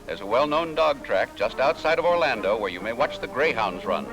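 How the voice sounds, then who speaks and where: Lively vintage newsreel narrator, man. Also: medium pitch, a little fast, rough recording. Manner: upbeat promotional tone. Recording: narration over loud music.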